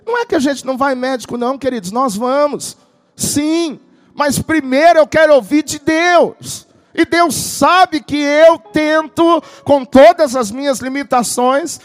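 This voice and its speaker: A man preaching a sermon as pastor, moving between intimate storytelling and loud shouted declarations. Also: extremely high pitch. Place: church tent.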